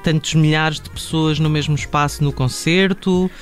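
A man's voice: on the high side, fairly even intonation, moderate pace, soft background music. A man asking questions in a conversational radio interview, hesitating as he goes.

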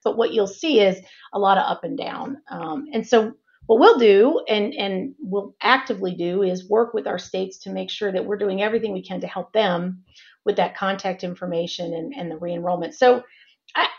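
Brief: woman exec guest, gravelly voice, dull remote audio, measured and restarting. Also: mid-range voice. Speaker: healthcare executive guest. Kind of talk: interview answers.

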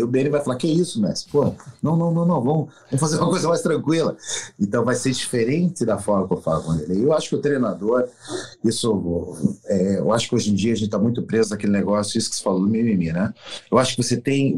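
A man's voice: on the low side, darkish tone. A middle-aged man, a veteran fight coach speaking bluntly and emphatically in a casual interview. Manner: emphatic, blunt, acts out quotes.

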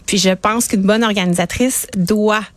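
A woman's voice: medium pitch, fairly even intonation, moderate pace, no echo. Earnest woman guest, dry studio sound, explains with conviction. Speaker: wedding planner guest. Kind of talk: radio interview.

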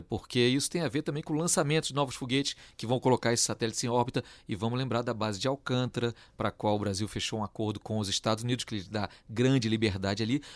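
A man hosting a news podcast, explaining in a measured way with frequent "é" fillers. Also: mid-range voice, no room sound. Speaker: podcast host.

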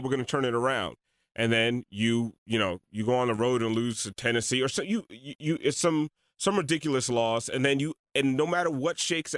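A sports radio co-host with an ordinary mid-pitched voice. He talks casually and rambles, often restarting and repeating words. The studio sound is dry and close. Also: fairly bright tone, no room sound. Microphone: studio microphone.

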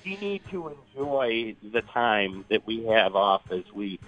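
An American man phoning in to a radio show as a business guest, making a conversational sales pitch. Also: very animated, measured pace, fairly bright tone, faint music behind. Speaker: business guest promoting services. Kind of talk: conversational phone-in sales talk. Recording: dull, band-limited live phone line.

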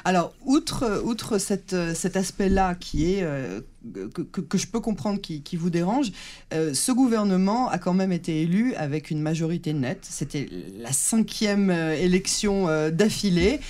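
A woman's voice: on the low side, lively intonation, unhurried, warm tone. A woman interviewing a guest on the radio in a conversational style, building long, probing questions.

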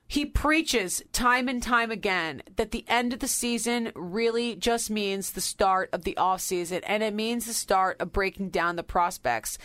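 A woman's voice: a little high, fairly bright tone. Fired-up woman sports podcast host. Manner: emphatic, fired-up opinions. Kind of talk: casual sports talk.

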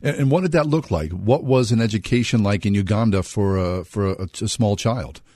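A man with a low voice hosts a radio interview. His questions come friendly and steady, and the sound is dry and close, with no room around it. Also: normal speed, dry recording. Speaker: radio host.

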